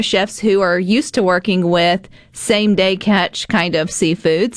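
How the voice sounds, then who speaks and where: A woman's voice: mid-range voice, no room sound. Female radio host, mid-range voice, conversational and encouraging, very dry room sound. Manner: chatty, encouraging. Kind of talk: casual radio interview.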